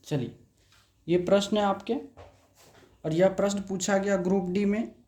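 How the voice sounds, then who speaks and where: Slow-talking male maths teacher. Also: high-pitched, steady tone, darkish tone. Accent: Hindi. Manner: slow, repeats words while writing on a board; asks students rhetorical check questions. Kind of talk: exam-prep maths lesson.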